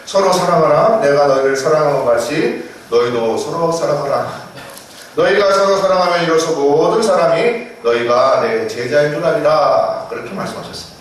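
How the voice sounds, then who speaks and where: Korean pastor preaching in an echoing hall. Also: male voice, a little high, moderate pace, slight background noise. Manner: preaching with rising emphasis and repeated blessings. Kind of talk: sermon. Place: church sanctuary. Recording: echoey church hall, mic at a distance.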